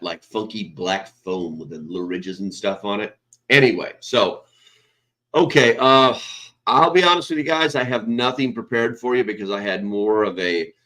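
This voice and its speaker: A lowish-voiced American livestream host chats casually and brightly, rambling as he reads chat names aloud. He is in a sparse, nearly empty room with a small desk microphone.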